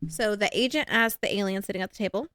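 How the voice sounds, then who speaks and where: A woman's voice: mid-range voice, quick pace, a bit bright, dry recording, studio quality. A woman co-hosting a podcast in casual chat, rambling with lots of fillers and poking fun at herself. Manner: rambling, filler-heavy, self-deprecating. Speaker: podcast co-host.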